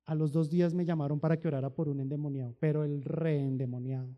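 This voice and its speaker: A man preaching a sermon with a Colombian accent, telling stories and swinging between loud emphasis and soft asides. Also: on the high side, steady tone, quick pace, dull audio. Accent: Colombian Spanish, Bogotá. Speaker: pastor. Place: church hall. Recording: long church hall reverb.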